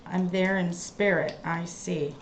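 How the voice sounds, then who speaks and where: In a steady, fairly low voice, a livestream host chats slowly from her craft room, her sentences trailing away. The stream audio is lo-fi, echoey and dull with faint background noise, and her voice has a hollow, tinny tin-can sound.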